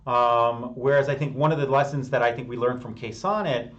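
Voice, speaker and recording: A middle-aged man walks through software tools on a live stream, talking in a loose and conversational way. He restarts his sentences often, leans on fillers, and stops to answer viewers in chat. His voice sits at an ordinary pitch, and the stream audio sounds a bit dull and lo-fi. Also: normal speed. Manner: thinks aloud with frequent fillers and restarts, reads chat. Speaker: host of a live technical stream. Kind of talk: casual live-stream explanation.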